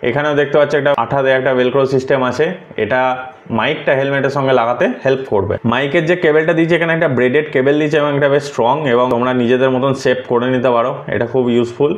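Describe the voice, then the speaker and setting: A male vlogger presents a product unboxing as a casual hands-on tutorial, explaining things and mixing English words into his sentences. His voice is mid-range, and the audio sounds dull.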